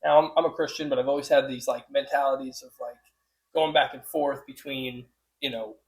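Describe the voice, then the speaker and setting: A man's voice: mid-range voice, steady tone, a little fast, gravelly, poor audio. Ranting, cursing male podcast host. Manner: ranting, profane, rambling. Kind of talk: casual podcast rant.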